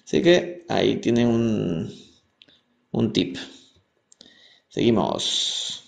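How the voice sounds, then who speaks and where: A man from Peru teaching English on a live stream, reading aloud and explaining words in Spanish, repeating each pronunciation slowly. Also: lowish voice, gravelly. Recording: echoey room, faint music behind.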